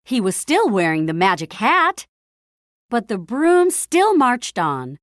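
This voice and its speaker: Narrating a children's story, a woman uses a fairly high, animated, melodic voice and a slightly slow, measured pace. She gives key phrases dramatic emphasis. The sound is dry, with no room echo.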